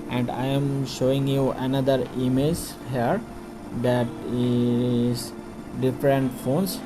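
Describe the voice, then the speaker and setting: A man who speaks English as a second language, hosting an informal how-to voice-over in halting, repetitive phrasing with frequent self-corrections. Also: medium pitch. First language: not English. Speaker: tutorial host.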